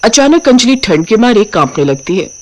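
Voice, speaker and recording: A woman narrating a scripted cartoon moral story in an even, storytelling manner. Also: a little high, moderate pace, noisy background.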